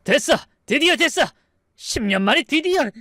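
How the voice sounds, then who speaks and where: A man voicing a greedy, bullying older brother-in-law who shouts his demands. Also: extremely high pitch, lively intonation, normal speed, no room sound, clean studio sound, voice pushed up, heavily acted. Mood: greedy, shouting.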